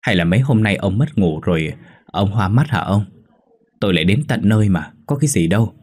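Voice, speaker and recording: Vai bà vợ quê lo lắng, lắp bắp khi sợ, một nam giới đọc truyện đảm nhận, giọng khàn. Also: male voice, fairly low pitch, expressive, a little fast, darkish tone, breathy edge. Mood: teasing, rising. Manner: anxious, stammering when scared. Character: worried older village wife, anxious, fussing.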